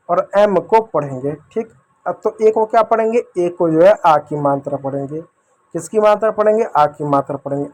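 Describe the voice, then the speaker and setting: A man's voice: sits high, a little mellow. A man explaining English reading rules to children in a patient, repetitive, step-by-step way. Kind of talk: phonics lesson for children.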